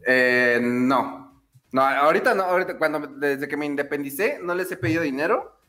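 A man with a Mexican accent, a guest telling candid stories in a relaxed, casual way. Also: on the high side, normal speed. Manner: relaxed, candid, many fillers. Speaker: podcast guest. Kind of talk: casual storytelling.

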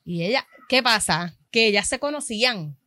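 Puerto Rican woman co-host, high bright voice, lively storyteller who acts out customers. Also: normal speed, no room sound, studio quality. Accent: Puerto Rican Spanish. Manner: animated storyteller acting out quoted customers. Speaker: podcast co-host. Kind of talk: casual chat.

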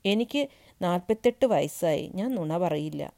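A fearful, pleading wife in her late forties, as a woman reading a story puts her on, her voice pitched up and pushed louder than the narration. She speaks in an anxious, urgent way that tips into shouts. The tone stays low and mellow underneath. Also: animated, moderate pace. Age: 40s. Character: anxious 48-year-old wife, fearful, then furious.

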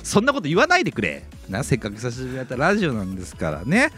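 A man in his thirties co-hosting a casual comedy podcast, firing off quick retorts and laughing often. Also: medium pitch, huge pitch swings, a bit bright, soft background music. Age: 30s. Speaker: podcast co-host.

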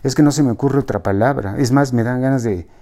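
A man's voice: medium pitch, quick pace, pitched above the performer's own voice, close to an everyday voice. A man voicing a fiery young woman university student, speaking bluntly and impatiently. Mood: exasperated. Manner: blunt, exasperated, shouting.

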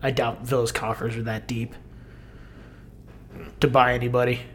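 A man co-hosting a casual football podcast, animated and teasing, swearing freely. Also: medium pitch, moderate pace, slight background noise. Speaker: podcast co-host, football fan.

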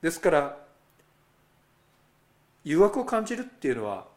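A man's voice: a little high, big pitch swings, normal speed, a little mellow. A male pastor giving a sermon in a conversational way. He speaks straight to the congregation with rhetorical asides.

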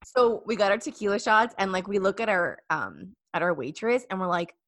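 A woman's voice: mid-range voice, animated, a little fast, a bit bright. A young woman hosting a casual chat, telling a story animatedly with many fillers and acted-out quotes.

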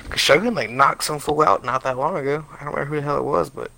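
A man's voice: on the high side, fast, creaky, sharp tone. A man co-hosting a podcast, chatting casually about fights in a rambling way and often restarting his sentences. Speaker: podcast co-host. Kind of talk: casual sports chat.

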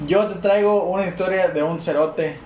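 A man's voice: high voice, normal speed, a little mellow. A man telling a story in casual chat, slangy and often laughing. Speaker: podcast co-host. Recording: roomy room with faint noise.

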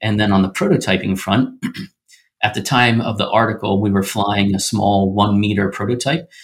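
Low-pitched male startup founder, tech-bro pitch talk. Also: fairly even intonation, normal speed. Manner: upbeat tech-startup pitch talk, casual business jargon. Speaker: startup founder being interviewed. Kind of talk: conversational interview answers.

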